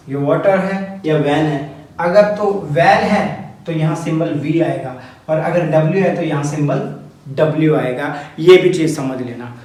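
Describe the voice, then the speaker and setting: A male teacher with a high voice explains phonetics rules for an exam. He patiently goes over each point several times. The sound is heavily echoey, as if captured in a bare room. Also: a little mellow. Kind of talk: exam-prep phonetics lesson. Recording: very echoey room, voice far from mic.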